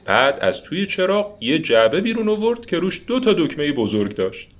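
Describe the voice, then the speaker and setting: A man's voice: a little high, big pitch swings. A man narrating a children's story expressively, with asides to the listeners.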